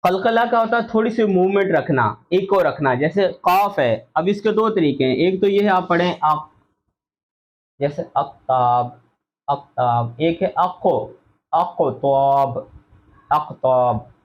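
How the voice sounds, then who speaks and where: Slow, patient male recitation teacher. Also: high-pitched, animated. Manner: slow, repeats letter sounds for drill. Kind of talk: online tajweed lesson. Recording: dull lo-fi audio.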